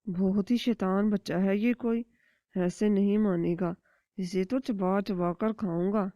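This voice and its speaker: A woman's voice: medium pitch, steady tone, mellow, dry recording, close to an everyday voice. A woman voicing a scheming, hungry male kite bird villain in a cartoon story, muttering his plans in a growl. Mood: menacing. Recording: dry, dull lo-fi recording.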